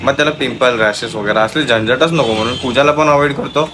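A young father films a casual home vlog, chatting to the camera and switching between explaining things to viewers and baby talk with his toddler. His voice is medium-pitched and brisk, with a noisy background.

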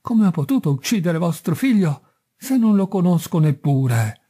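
A man doing a slow, trembling, pleading merchant. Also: sits high, big pitch swings, dark tone, slightly rough, heavily acted. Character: frightened, pleading male merchant.

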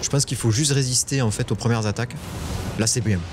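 A man's voice: mid-range voice, steady tone, a little fast. A man giving casual live commentary while playing a game, chatting with viewers and swearing when frustrated. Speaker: streamer. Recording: game music playing behind.

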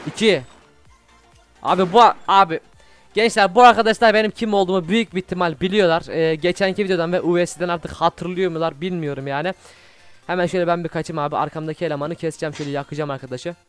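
A young man commentating his own video game play, excitable and easily frustrated, swearing often. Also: sits high, fast talker, pauses often, clear, resonant tone, soft background music. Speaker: gaming YouTuber. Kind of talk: Minecraft gameplay commentary.

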